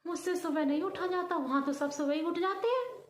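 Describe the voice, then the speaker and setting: A woman doing a pampered young bride who whines and pouts, her voice pushed up high and tight, heard in a roomy, echoing space. She sounds sulky and stubborn, like a storybook brat. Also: animated, a little fast, a little hiss or hum. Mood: tearful whining. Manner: complaining, sulky. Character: spoiled young wife, whiny and stubborn. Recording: roomy echo.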